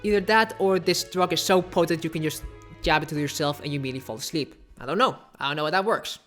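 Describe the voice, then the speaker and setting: A woman's voice: low voice, quick pace, soft background music. A woman narrating a casual video essay with sarcastic, offhand asides.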